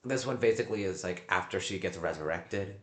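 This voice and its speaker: A man with a deep, low voice talks casually on a livestream in an echoey room. He rambles in a halting way, doubling back on words and pausing to find the next one. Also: a bit bright. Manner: halting, often repeating and searching for words.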